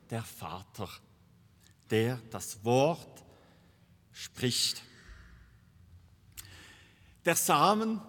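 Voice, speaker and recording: A man preaching a sermon in a slow, deliberate way, repeating key words for emphasis. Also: medium pitch. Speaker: pastor. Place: church. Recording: long reverb of a church hall.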